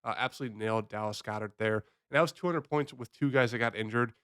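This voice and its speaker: Man, sick-sounding voice, smooth and clear tone, dry close sound, rambling casual picks talk. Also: mid-range voice, fast, fairly bright tone, no room sound. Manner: loose, rambling, conversational delivery. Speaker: fantasy sports host. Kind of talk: casual fantasy football picks breakdown.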